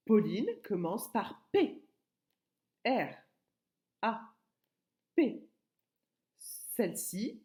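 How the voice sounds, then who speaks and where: A woman teacher speaking to young children, spelling out letters slowly and clearly with lively rises in her voice. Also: medium pitch. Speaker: preschool teacher.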